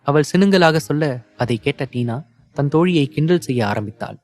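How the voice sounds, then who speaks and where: A man reading an audio novel as narrator in a steady, measured storytelling manner. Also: a little high.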